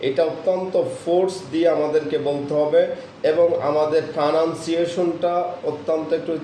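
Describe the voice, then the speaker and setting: A man teaching English pronunciation in a lecture-style lesson. He explains patiently and repeats example words slowly with stretched stress. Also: on the high side, dark tone, reverberant, a little hiss or hum, low-quality recording.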